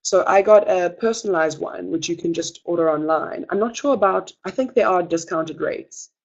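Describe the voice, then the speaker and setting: In a webinar, a young student presenter speaks reassuringly but fills the gaps with many hesitant pauses. The pitch is medium, and the recording has its high frequencies cut off.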